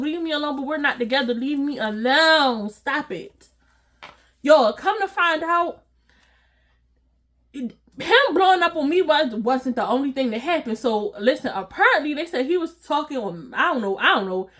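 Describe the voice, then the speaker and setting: A young woman telling a storytime vlog in a casual, slangy way, animated and laughing often as she talks. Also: high-pitched. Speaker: vlogger.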